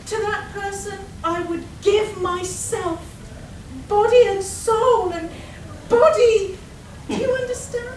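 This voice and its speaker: A woman's voice: very high-pitched, takes it slowly, far from the mic. A woman playing a seductive, unstable half-weasel villainess in a melodramatic comic radio play, recorded live. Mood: lonely, brooding. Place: live performance at a convention, distant mic. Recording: echoey, noisy live hall recording from afar.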